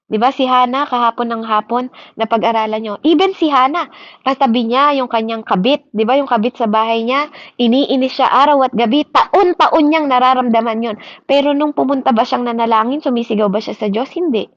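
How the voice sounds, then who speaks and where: Female preacher, a little high, code-switching sermon full of "di ba?" checks; dry, muffled audio. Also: brisk, no room sound. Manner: mixes English into Tagalog, keeps asking "di ba?". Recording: dry, slightly dull recording.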